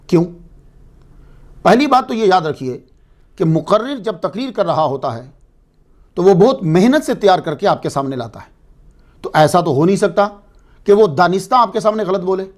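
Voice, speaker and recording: A man's voice: high-pitched, expressive, long pauses. A man giving a religious lecture to a congregation, explaining patiently and asking and answering his own questions. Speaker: religious speaker.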